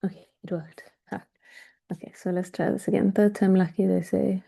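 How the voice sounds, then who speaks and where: A woman with a gravelly, husky voice talks over a video call in an easygoing way, thinking aloud as she goes. Her sound is dry and close, with no room around it. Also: medium pitch, level tone, moderate pace, warm tone, no echo. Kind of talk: casual meeting chat. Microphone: video call with earphones.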